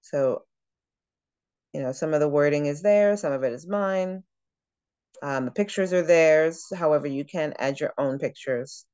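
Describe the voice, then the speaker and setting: A woman's voice: sits low, unhurried, darkish tone, smooth, no echo. Woman trainer, chatty screen-share demo, dry, slightly dull call audio. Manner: chatty, thinking aloud with restarts. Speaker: travel agent trainer. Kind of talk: screen-share software walkthrough.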